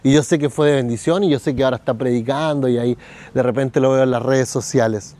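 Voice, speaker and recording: A man's voice: medium pitch, fairly even intonation, fast, warm tone, no room sound. A man, preaching a sermon at a church service and telling a personal story in which he acts out other people's words. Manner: storytelling, acts out quoted voices. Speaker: pastor.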